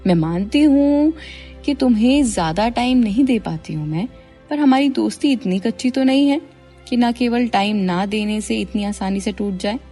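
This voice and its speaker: A woman's voice: a little high, animated, moderate pace, warm tone, faint music behind. A woman voicing a caring, emotional young college woman who speaks in an earnest, pleading way.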